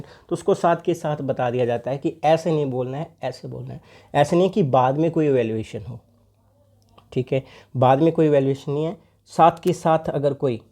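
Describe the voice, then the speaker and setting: A teacher giving an exam-prep lecture, reading English lines slowly and explaining them in Hindi while asking and answering rhetorical questions. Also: mid-range voice, mellow.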